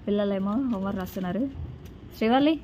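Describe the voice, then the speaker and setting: A woman's voice: medium pitch, fast. A woman, vlogging casually at home and bossing her children through homework. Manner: scolding, bossy with children. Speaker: vlogger and mother. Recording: noisy home recording.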